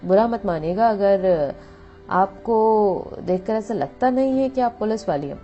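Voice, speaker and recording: A woman's voice: mid-range voice, expressive, a little slow, dark tone, lightly acted. A woman voicing a friendly, chatty young male medical student in a storybook reading. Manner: chatty, teasing, then earnest. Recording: dull lo-fi audio with faint music.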